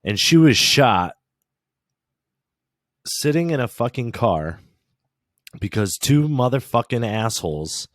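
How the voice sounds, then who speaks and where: A man's voice: mid-range voice, very animated, slow pace, long pauses, fairly bright tone, no room sound, clean studio sound. A man hosting a podcast, ranting casually and swearing often. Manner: profane, ranting. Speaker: podcast host.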